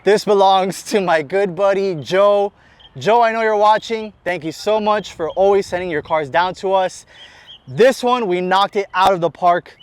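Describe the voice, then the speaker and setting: Brief: American man who owns a shop, energetic and enthusiastic, high smooth voice, outdoor street walkaround. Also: no room sound. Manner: energetic, enthusiastic, talks fast in long run-on sentences. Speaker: shop owner presenting a car. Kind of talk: unscripted walkaround presentation. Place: outdoors on a closed city street beside a car.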